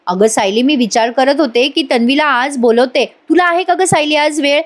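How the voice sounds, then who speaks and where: A woman's voice: sits high, moderate pace, close to an everyday voice. A woman voicing an older aunt who coaxes and confides on a phone call. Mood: coaxing.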